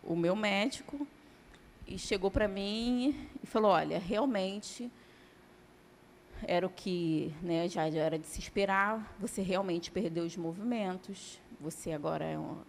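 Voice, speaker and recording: A woman's voice: medium pitch, measured pace, slight background noise. A woman giving a church testimony as a sermon, telling her story dramatically and acting out the dialogue.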